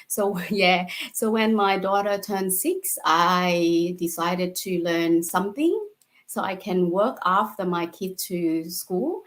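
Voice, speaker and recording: A Vietnamese-born woman in her forties speaks as a guest in a casual interview, her first language Vietnamese. She takes her time, her phrasing simple and dotted with fillers and soft laughs. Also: mid-range voice.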